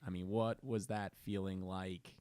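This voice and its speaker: A man's voice: low voice, little pitch movement, a little slow, a little mellow. A man hosting a radio interview, asking curious, prompting questions. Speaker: radio show host. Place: radio studio.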